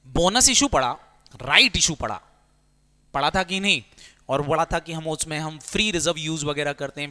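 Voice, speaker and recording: Guy teaching commerce, keeps asking the class questions, smooth crisp voice, a bit high. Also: bright, forceful tone. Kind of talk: classroom lecture. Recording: long reverb.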